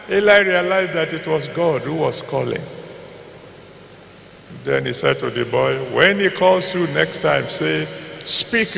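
Slow, gravelly Nigerian male preacher. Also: sits high, fairly bright tone. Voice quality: gravelly, creaky. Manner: deliberate, pausing between short phrases, repeating for emphasis. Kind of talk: sermon. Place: large church auditorium with PA reverb. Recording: reverberant large hall, faint background noise.

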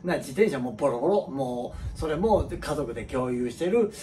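A man's voice: mid-range voice, lively intonation, moderate pace, mellow, slight background noise. A man from Tokushima with a Tokushima dialect, telling childhood stories casually, acting out quoted voices and laughing often. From Tokushima, Japan. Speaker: host. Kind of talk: casual storytelling.

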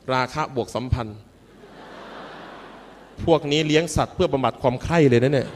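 A man giving a humorous, playful sermon to students as a monk preacher, joking and calling his listeners children. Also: medium pitch. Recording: reverberant hall with faint music.

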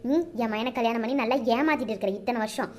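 A woman's voice: fairly high pitch, quick pace, darkish tone, pitched below the performer's own voice, lightly acted. A woman voicing a domineering older mother-in-law in a cartoon, scolding and giving orders with a Kanyakumari Tamil accent. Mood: scornful. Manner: scolding, commanding.

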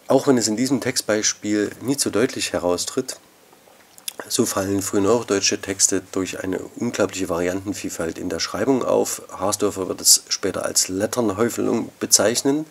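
Low, gravelly-voiced male lecturer. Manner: measured academic explanation, addressing students formally. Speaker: university lecturer. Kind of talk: recorded lecture podcast.

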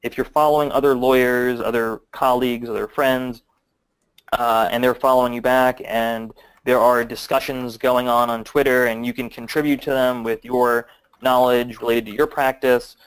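Guy on a webinar, lots of uh and um, restarts his sentences, mid pitch. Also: flat delivery, moderate pace, clear, resonant tone, low-quality recording. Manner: hesitant, many fillers and restarts. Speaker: guest marketing expert. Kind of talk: webinar Q&A answers.

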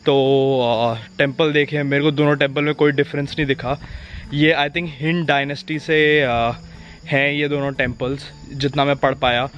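A young Indian travel vlogger in his twenties chats candidly, mixing Hindi and English and thinking aloud with hesitations, while filming himself on a handheld camera held at arm's length. He's outdoors on a boat and on paths among hills, with background music over the outdoor sound. His voice is a little high with little pitch movement, normal speed, a bit bright, and lo-fi.

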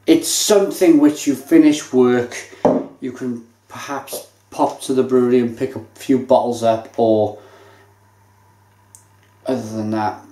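A man's voice: medium pitch, unhurried. A man in his thirties casually reviewing a beer at home, chatting as he tastes and describes it. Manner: relaxed and chatty, savoring and describing each sip. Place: home kitchen, indoors. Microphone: camera mic at table distance. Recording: echoey kitchen room sound.

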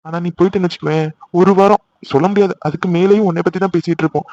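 A man voicing a caring older brother in an animated cartoon, teasing and then soothing his sister. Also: high voice, racing, dry recording. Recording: slightly dull lo-fi audio.

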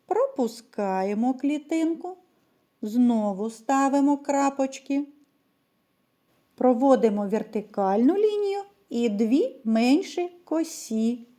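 A woman's voice: sits high, warm tone. A woman teaching a children's lesson, speaking patiently and addressing the little ones directly. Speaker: primary school teacher.

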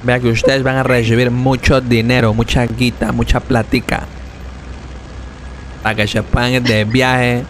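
A young man, streaming a game and trolling teammates in slow, overly formal mock-gentleman talk. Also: mid-range voice, little pitch movement, a little hiss or hum. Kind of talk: trolling role-play over game voice chat. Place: home streaming room. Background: background music.

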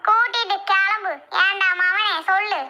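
A woman playing a shrill older mother who scolds and taunts in a family quarrel skit. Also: steady tone, unhurried, sharp tone, muffled recording, heavily acted. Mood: defiant. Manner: scolding, taunting, high-pitched. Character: shrill older mother fiercely backing her daughter.

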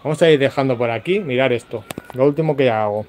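A man's voice: mid-range voice, fast, darkish tone, slight background noise. Chatty Spanish man talking to viewers. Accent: Spanish (Spain). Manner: chatty, loose, with fillers like "pues nada". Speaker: vlog host, dog owner. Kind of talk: casual vlog, talking to viewers. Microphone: phone.

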